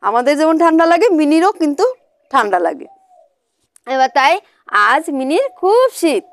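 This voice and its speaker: High-voiced woman teaching children spelling. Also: very animated, dry recording. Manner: slow, sing-song spelling out of letters, coaxing questions.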